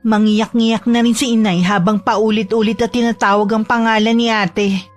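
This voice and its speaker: A woman narrating a horror story in a steady, measured way. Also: on the high side, faint music behind.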